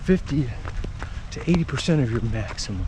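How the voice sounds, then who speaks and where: Male running vlogger, medium pitch, casual explainer delivered mid-jog in short bursts, noisy outdoor recording. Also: animated, normal speed, warm tone. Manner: talking while jogging, in short broken phrases. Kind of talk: casual explanatory vlog talk while running. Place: outdoors on a run in the rain.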